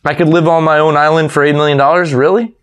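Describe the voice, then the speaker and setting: A man's voice: fairly high pitch, fairly even intonation, fast talker, clear, resonant tone. A man hosting a podcast, reading odd news stories in a casual, incredulous, profane way.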